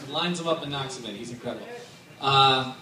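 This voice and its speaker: With a medium-pitched voice and fast pace, a man in his thirties makes a jokey best man's speech, chatting and laughing between lines into a handheld mic piped through speakers. The large indoor wedding tent with a dance floor, filmed from far off, sounds echoey and loud, with the crowd laughing and cheering.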